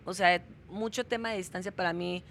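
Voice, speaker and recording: A woman's voice: lowish voice, fairly even intonation, a little fast, a bit bright, slight background noise. Chatty Mexican woman. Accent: Mexican Spanish. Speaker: contestant. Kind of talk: casual chat.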